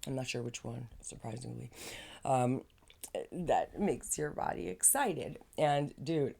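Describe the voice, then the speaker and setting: A woman's voice: rumbling low, slow pace, vocal fry, a little mellow. A woman giving rambling, slangy self-help advice in a casual vlog, chatty and full of asides. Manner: rambling and slangy, says man and dude; chatty with frequent fillers and laughs. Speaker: vlogger.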